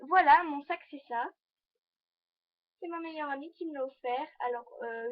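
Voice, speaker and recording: A teenage girl chatting in a casual fashion vlog, rambling and hesitant as she shows items to her viewers. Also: high-pitched. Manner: talks to the viewers while showing items. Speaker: vlogger. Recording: dull lo-fi home video recording.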